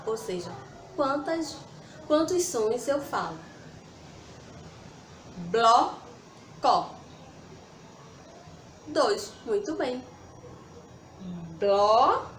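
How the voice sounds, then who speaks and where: Slow, patient woman teaching children. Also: sits high, very animated, a little hiss or hum. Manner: slow, patient, sounds out syllables. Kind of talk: children's lesson. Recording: echoey room with faint ambience.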